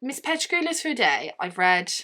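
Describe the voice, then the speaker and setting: A woman's voice: a little high, very animated, fairly quick, bright, forceful tone. A woman, chatting casually about her books on a vlog, rambling and correcting herself as she goes. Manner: chatty, rambling, self-correcting, laughs often. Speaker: book vlogger.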